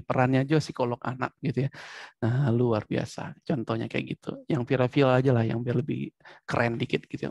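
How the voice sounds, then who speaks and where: Man, teacher, classroom lecture, acts out little examples, rough fry in the voice, dry sound. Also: mid-range voice, dry recording. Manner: animated, acts out short examples. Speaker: psychology teacher.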